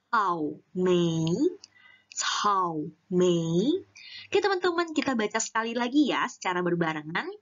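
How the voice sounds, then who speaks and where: A woman's voice: a little high, a bit bright, highs cut off. A woman teaching a Mandarin lesson online, patiently explaining and repeating words for learners to say after her.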